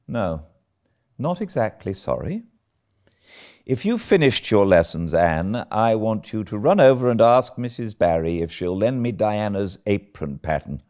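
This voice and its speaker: A man voicing a stern, no-nonsense older woman in a storybook, brisk, scolding and incredulous. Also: lowish voice, big pitch swings, darkish tone, voice pushed up. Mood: reserved, practical. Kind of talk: storybook character reading.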